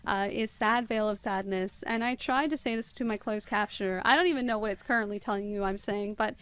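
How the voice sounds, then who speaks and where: A woman streaming a game live, talking extremely fast and chatting with viewers as she plays. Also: medium pitch, fairly bright tone, smooth. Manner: chatty, greets viewers by name. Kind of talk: live gameplay commentary.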